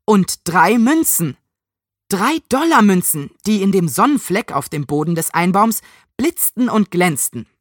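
A woman reading a children's story aloud in animated, lively narration. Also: fairly low pitch, measured pace, dry recording, clean studio sound.

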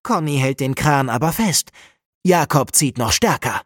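A woman narrating a children's audiobook with a lively, expressive reading. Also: a bass voice, unhurried, dry recording, clean studio sound. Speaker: storyteller.

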